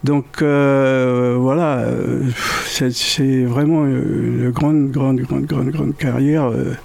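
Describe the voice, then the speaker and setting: An older man from French Guiana, a musician guest in a radio interview, speaking slowly and haltingly with many repetitions. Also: medium pitch, level tone, vocal fry, a little mellow.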